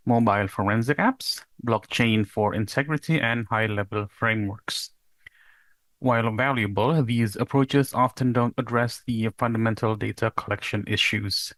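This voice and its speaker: A young Indonesian man, a PhD researcher, delivers a recorded conference talk in a lowish voice. He is measured and explanatory, slipping in the odd rhetorical question, and the recording is dry.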